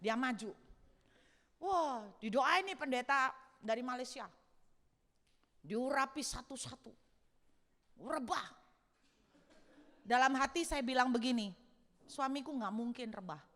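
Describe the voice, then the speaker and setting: Bright high-voiced woman pastor preaching. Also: slow pace, pauses often. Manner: expressive, humorous storytelling. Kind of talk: sermon. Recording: long hall reverb.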